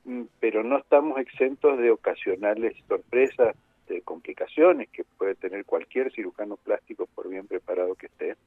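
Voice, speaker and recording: A man, a plastic surgeon calling in, explaining in a measured way. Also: on the low side, slightly rough, no echo. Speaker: plastic surgeon, phone guest. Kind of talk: phone interview. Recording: tinny phone line.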